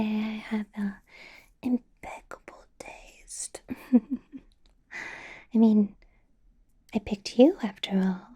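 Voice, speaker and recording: A woman voices a menacing, possessive vampire boss for an ASMR roleplay, whispering slowly and breathily in a mid-range voice and letting out soft, teasing laughs.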